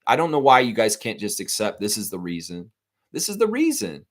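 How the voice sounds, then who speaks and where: A man's voice: on the low side, huge pitch swings, brisk. A man hosting a live sports talk stream, ranting heatedly and swearing a lot while speaking straight to his viewers. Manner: profane, heated, repetitive ranting; addresses viewers directly.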